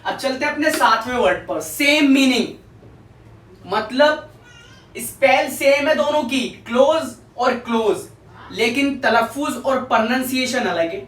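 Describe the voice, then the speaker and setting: A woman's voice: high voice, a little slow, a bit bright. A woman teaching English vocabulary in a language lesson, patiently repeating words and checking that the listener follows. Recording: echoey room, voice from a distance.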